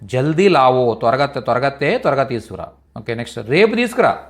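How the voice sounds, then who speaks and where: A man's voice: medium pitch, very animated, fairly quick. A man teaching in a live online language class, repeating each phrase patiently for students. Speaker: Hindi teacher.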